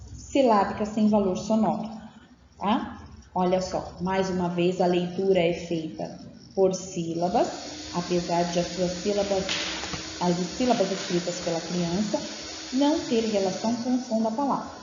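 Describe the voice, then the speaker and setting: A woman talks through a teacher training lesson with patient, step-by-step explanations, often checking that her listeners follow. Her voice is mellow and dark. The recording is dull and roomy, with a long echo and faint background noise. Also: fairly low pitch, measured pace. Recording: dull, echoey room audio with faint noise.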